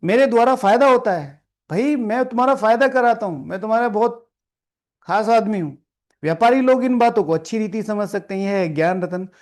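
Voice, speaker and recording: A man with a high, darkish-toned voice speaks a little fast as he teaches a spiritual class in a meditation hall before a live audience. He reads the lesson aloud and explains it as a sermon to seated listeners, scolds them, repeats lines, asks the room questions, and often adds "theek hai" to check in.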